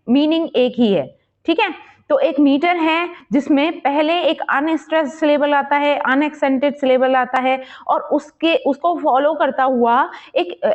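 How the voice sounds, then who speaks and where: A woman teaching English literature exam prep, explaining step by step and posing quiz questions, reading English passages slowly. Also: high voice, highs cut off. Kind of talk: exam-prep lesson in Hindi-English mix.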